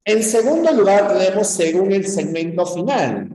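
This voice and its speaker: A long, reverberant echo fills the room as a Peruvian man with a high-pitched, mellow, very animated voice teaches pre-university grammar at normal speed. Speaking Peruvian Spanish, he hammers home points and checks in often with "¿ya?" and "¿no?".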